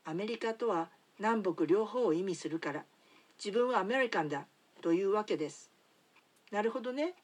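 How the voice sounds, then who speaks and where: A woman teaching English pronunciation gives a scripted lesson in a measured, explanatory way. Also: mid-range voice, animated, breathy edge.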